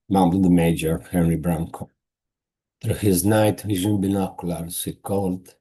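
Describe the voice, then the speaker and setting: Croatian-accented male author, non-native, reads own book slowly, low husky voice. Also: mellow. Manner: slow careful non-native reading with restarts. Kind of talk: reading his own novel aloud.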